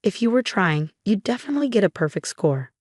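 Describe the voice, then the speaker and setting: A woman's voice: medium pitch, sing-song, fairly quick, a little mellow, dry recording, clean studio sound. A woman narrator voicing a cold, dismissive mother who scolds curtly. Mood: scornful. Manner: curt, belittling.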